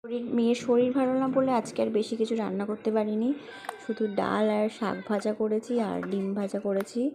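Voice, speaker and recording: A woman's voice: medium pitch, fairly even intonation, fairly quick, vocal fry, over music. A mother chatting casually to her viewers in a home vlog while she cares for her children at the table, recorded on a handheld phone. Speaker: mother vlogging home life.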